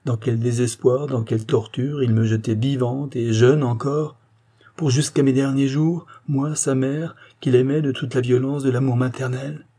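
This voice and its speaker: A man reading a dying mother's words in an audiobook, impassioned and pleading, with a husky voice. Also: mid-range voice, steady tone, moderate pace, mellow, pitched above the performer's own voice, natural voice. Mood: anguished. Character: dying middle-aged mother, anguished and grieving.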